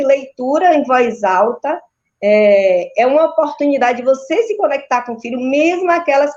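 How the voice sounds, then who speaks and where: A Brazilian woman in her thirties patiently explains children's routines, slowing down to stress her points and tagging her sentences with quick checks. Her voice sits a little high. The audio is dull and lo-fi, like a video call. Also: darkish tone. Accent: Brazilian Portuguese. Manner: didactic, frequent tag questions. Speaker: maternal and child sleep consultant. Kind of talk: explanatory interview answers.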